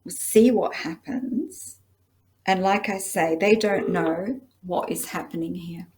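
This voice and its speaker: A woman's voice: lowish voice, slow pace, background noise. A woman hosting a live awards presentation, effusive and affectionate toward the winners. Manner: effusive, calls people "my girl" and "darling". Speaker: host announcing winners.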